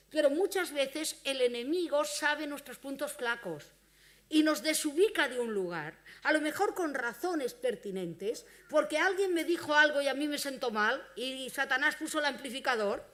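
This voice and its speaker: A woman with a Spain Spanish accent preaching a sermon in church, earnest and conversational. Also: sits high. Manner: earnest, conversational, with acted-out quoted dialogue.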